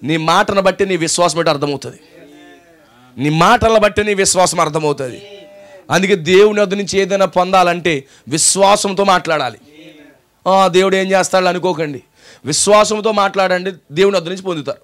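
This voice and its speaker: A pastor with a Telugu accent delivers a sermon in a high, ringing voice. He preaches in waves of rhetorical questions and call-and-response, retelling the story and driving the point home to the congregation. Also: brisk, fairly bright tone.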